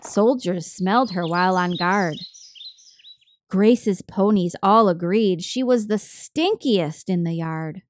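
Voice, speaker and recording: A woman reading a children's picture book aloud in an expressive, sing-song way. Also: mid-range voice, takes it slowly, no room sound. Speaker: storyteller.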